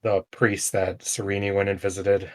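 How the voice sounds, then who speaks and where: A man's voice: on the low side, monotone, moderate pace. A man co-hosting a casual book-club podcast who rambles, laughs often and searches for his words on a close mic. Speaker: podcast co-host.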